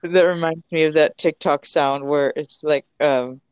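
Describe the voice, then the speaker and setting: Woman co-host, playful quick reactions, dull dry mic sound. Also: deep voice, fairly even intonation, a little mellow, clear, resonant tone, dry recording. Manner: playful reactions, short quips. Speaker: podcast co-host. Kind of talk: casual chat.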